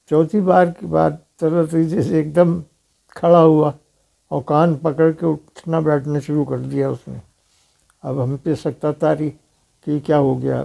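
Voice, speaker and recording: Older male storyteller from Pakistan, gravelly, dark and mellow tone, slightly higher pitch, acts out quoted lines. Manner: recounts stories, acting out others' quoted words. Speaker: interviewee, detective novelist. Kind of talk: anecdotal storytelling.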